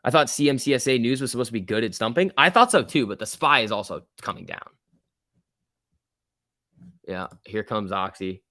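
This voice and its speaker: A man's voice: medium pitch, animated, normal speed, pauses often, bright, forceful tone, dry recording, clean studio sound. A man hosting a live stock trading stream, chatting casually in slangy, chummy off-the-cuff commentary as he answers viewers. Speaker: stock trading livestream host.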